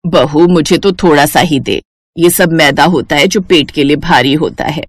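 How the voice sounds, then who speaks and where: A woman's voice: sits low, normal speed, no echo, clean studio sound. A woman voicing a bossy but caring grandmother and mother-in-law in a Hindi cartoon, giving orders and scolding. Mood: instructing. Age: older. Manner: scolding, instructive.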